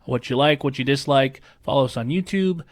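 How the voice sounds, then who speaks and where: A man co-hosting a podcast, ranting casually and swearing freely, mocking people in high put-on voices. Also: fairly quick. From Chicago area, US. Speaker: podcast co-host. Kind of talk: casual profane rant.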